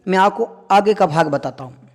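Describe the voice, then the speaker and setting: A male teacher giving a classroom grammar lesson, repeating key points and firing quick questions at his students. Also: high voice, in a large hall.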